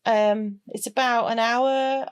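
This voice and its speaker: A woman's voice: on the high side, slow pace, clear, resonant tone. An older woman, a podcast co-host, telling stories in casual chat with lots of giggling. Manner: chatty, giggly, animated storytelling.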